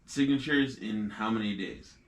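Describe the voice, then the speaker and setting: A laid-back man hosting a podcast, his voice sitting a little low. He swears casually and keeps saying "like" and "yeah" as he chats with guests. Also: lively intonation, moderate pace, far from the mic. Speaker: podcast host. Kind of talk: casual chat.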